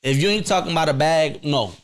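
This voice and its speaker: A young man hosting a podcast, chatting casually and giving blunt, animated advice in slang. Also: fairly high pitch, fast talker. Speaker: podcast host. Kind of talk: casual chat.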